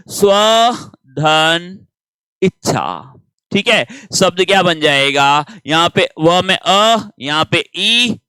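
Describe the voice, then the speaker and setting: A man's voice: a little high, pushed and bright, clean tone, no echo. A man teaching grammar in a patient classroom manner, asking questions and answering them himself.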